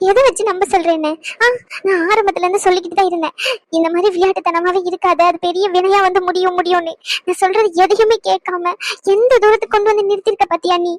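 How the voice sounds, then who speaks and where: Woman doing a cartoon young wife, very high voice, dead dry sound, hurt and fed up. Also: fairly even intonation, fast, no room sound. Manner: pleading then bitterly reproachful. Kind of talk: cartoon drama dubbing.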